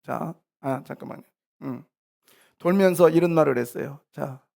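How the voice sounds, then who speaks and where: A male pastor preaching a sermon in church. He swings from quiet asides to loud, animated exhortation. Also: a little high, normal speed, gravelly. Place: church sanctuary.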